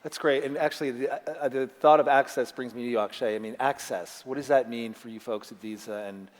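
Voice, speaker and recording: A man's voice: medium pitch, fairly even intonation, a little fast. Conversational male panel moderator in an echoey hall.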